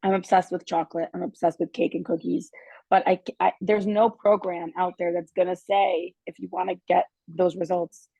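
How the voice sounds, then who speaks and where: A woman with a hoarse, worn voice, sharing her story earnestly on a group video call with lots of fillers. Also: fairly low pitch, flat delivery, moderate pace, dark tone, dry recording, poor audio. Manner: earnest, confessional, many fillers. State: hoarse, has lost her voice.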